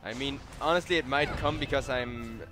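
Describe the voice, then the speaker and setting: A tired young German man casts a live game solo, chatting with viewers between plays. As an esports caster, he speaks in a mid-range voice at a moderate pace.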